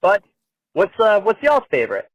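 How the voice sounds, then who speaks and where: A man's voice: high-pitched, huge pitch swings, moderate pace, no room sound, lo-fi sound. Casual man on a phoned-in voicemail. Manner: laid-back and slangy, full of "like". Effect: phone voicemail played back on air. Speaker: caller leaving a voicemail. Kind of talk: casual call-in message.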